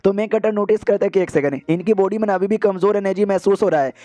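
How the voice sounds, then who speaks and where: A man's voice: high voice, quick pace, mellow, no room sound. A man narrating an anime recap in a casual, slangy, chatty way.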